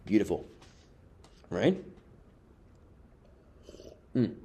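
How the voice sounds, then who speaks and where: Fairly low and mellow, his voice has a sing-song lilt and vocal fry, and he speaks extremely slowly. He's a math teacher doing a worked-example exam review, chatting casually with viewers he calls "guys" as his voice wears out.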